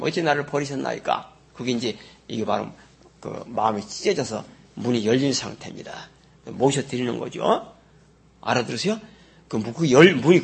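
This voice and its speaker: A male pastor with a gravelly, husky voice, preaching a sermon. He stretches out scripture readings slowly, then bursts into loud, animated exclamations before dropping to low-voiced asides. His pitch sits at an ordinary middle range for a man. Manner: slow, drawn-out scripture reading.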